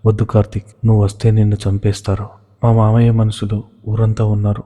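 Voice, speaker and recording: A man voicing a frightened young woman in love, reading in a low, flat, dark voice with long hall reverb. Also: fairly quick, natural voice. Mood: tearful. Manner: pleading, tearful.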